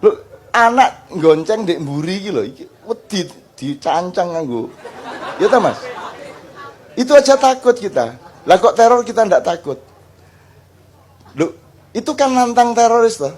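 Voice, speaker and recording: An older man preaching to a gathering, animated and joking, acting out little dialogues. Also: high voice, measured pace, pauses often, a faint crowd. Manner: animated, joking, mixes in Javanese phrases, acts out dialogues. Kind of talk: lively Islamic study talk before a crowd.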